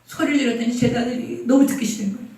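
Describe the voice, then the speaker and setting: A woman pastor preaching an animated, colloquial sermon, drawing the congregation into call-and-response. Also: on the high side, racing. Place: church sanctuary. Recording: echoey hall, mic from far off.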